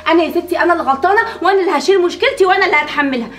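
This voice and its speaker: A woman's voice: extremely high pitch, rapid-fire, a bit bright. A woman acting a mother in a family drama sketch, pleading and apologetic, swearing to get her due. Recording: echoey room from far off.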